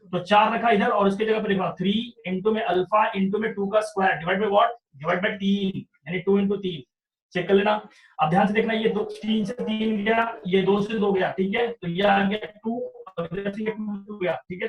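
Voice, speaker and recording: High-voiced maths teacher, echoey room. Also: male voice, distant mic, muffled recording. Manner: explains step by step, often asks "sahi hai kya?". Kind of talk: online revision class lecture.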